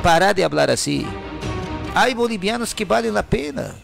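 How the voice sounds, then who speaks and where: A man's voice: high voice, animated, moderate pace, gravelly, full character voice. A man doing a stammering cheating husband. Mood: pleading. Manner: hesitant, stammering with fillers. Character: pleading husband caught cheating, hesitant. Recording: music playing behind.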